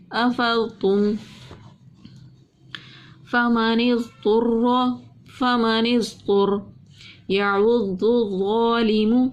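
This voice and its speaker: A woman teaching Quran reading, who drags out each word twice in slow recitation, then explains quickly, asking and answering her own questions. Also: on the high side.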